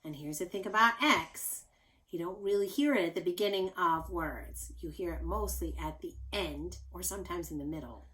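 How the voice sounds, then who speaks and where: With poor audio quality, a woman teacher whose voice sits on the low side reads a children's story at normal speed. She addresses the children directly, explaining simply and stressing words expressively.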